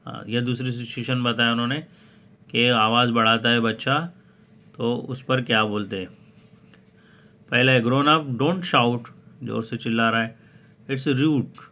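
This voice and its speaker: Slow-paced male teacher glossing English words. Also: mid-range voice, bright, forceful tone. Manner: reads English phrases, then glosses them in Hindi-Urdu. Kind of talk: classroom lesson explaining an English poem.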